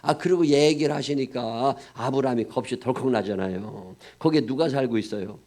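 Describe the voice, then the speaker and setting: A man's voice: mid-range voice, a little fast. Folksy, blunt revival preacher man. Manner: folksy and blunt, leads call-and-response, swings loud for emphasis. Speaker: pastor. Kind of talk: revival sermon. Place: church sanctuary.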